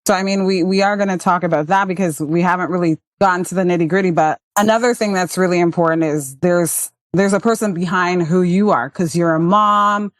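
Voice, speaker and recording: A woman hosting an interview, asking questions in a chatty, lively way. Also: on the low side, fairly quick, hardly any pauses, no echo, studio quality. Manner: lively, chatty, animated when recalling. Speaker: host.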